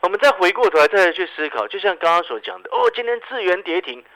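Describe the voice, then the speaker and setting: A man with a Taiwanese Mandarin accent giving radio stock market commentary, animated and full of rhetorical questions to the listener. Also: high-pitched, quick pace, poor audio.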